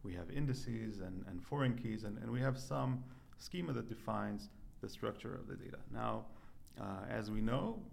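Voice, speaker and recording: A man's voice: on the low side, animated, moderate pace, creaky, a little hiss or hum. A man from Israel, a company co-founder and guest, explaining things methodically in a conversational interview with frequent restarts. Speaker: guest, startup CTO. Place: convention hall.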